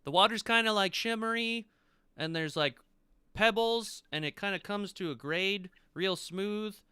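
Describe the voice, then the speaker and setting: A man voicing an excitable high-voiced male companion in a tabletop game, chattering eagerly. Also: unhurried, smooth, no echo, clean studio sound.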